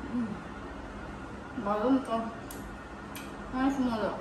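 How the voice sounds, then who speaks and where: A woman with a Bangladeshi Bengali accent speaks with her mouth full, chewing as she reviews food with chatty little hums. Her voice sits a bit high. The sound is roomy and distant, with clear background noise. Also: steady tone, slow pace. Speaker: food vlogger. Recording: echoey room, from far off, noisy.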